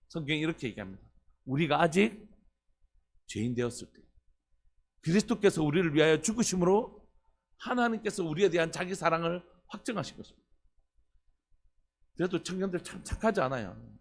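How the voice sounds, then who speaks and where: A pastor preaching an earnest early-morning sermon, putting questions to the congregation. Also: male voice, sits high, a little hiss or hum.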